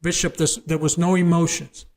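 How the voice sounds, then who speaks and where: A man's voice: fairly high pitch, level tone, normal speed, darkish tone. A man who is a former gang member, a guest on an interview show, tells his personal testimony as a story, earnest and emphatic, often repeating words as he builds up.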